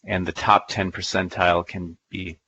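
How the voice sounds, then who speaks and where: A man walks through a software demonstration in a playful, folksy way, thinking aloud as he goes. His voice sits a little low. The recording is dull and lo-fi, like conference audio. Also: flat delivery, moderate pace. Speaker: presenter. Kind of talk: live software demo talk.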